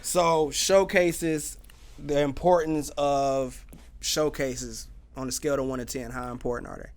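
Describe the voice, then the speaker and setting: A man hosting a relaxed interview, asking questions and giving many short "yeah" and "mm-hmm" replies. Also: medium pitch, a little slow. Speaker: interview host. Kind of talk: casual interview talk.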